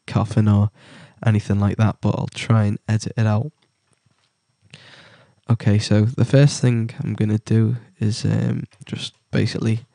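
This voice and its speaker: A young British man with a cold, presenting a coding tutorial in a halting, casual way with many ums. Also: lowish voice, vocal fry, dark tone, no room sound. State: has a cold.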